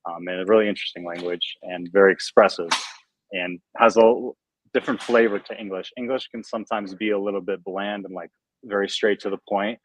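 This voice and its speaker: A man's voice: on the low side, brisk, dry recording. A young American man, a guest DJ and producer, chatting casually and rambling on a livestream video call. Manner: relaxed, rambling, filler-heavy. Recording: dull, dry lo-fi sound.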